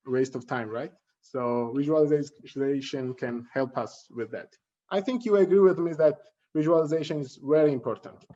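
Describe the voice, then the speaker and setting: In dull, lo-fi audio that sounds a bit muffled, a man tutors through an instructional lesson. He speaks haltingly, often repeating himself and fixing words, in a voice a little high for a man with a darkish tone.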